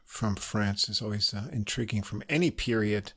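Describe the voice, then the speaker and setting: A man with a gravelly, creaky voice chats easily as a podcast co-host. He makes dry jokes and fills his pauses with drawn-out uhs. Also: fairly low pitch, a bit bright. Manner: easygoing, dry jokes, lots of uh fillers. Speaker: co-host of a classical music podcast. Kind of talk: casual podcast chat.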